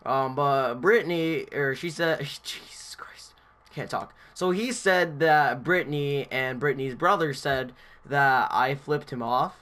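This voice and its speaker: A man's voice: medium pitch, a little slow, a bit bright. A young man vlogging, telling a story in a rambling, casual way with lots of filler words.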